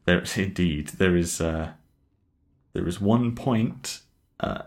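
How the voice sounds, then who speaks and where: A man's voice: low-pitched, slow pace. A man co-hosting a casual gaming podcast, enthusiastic, laughing often and swearing casually. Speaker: podcast co-host.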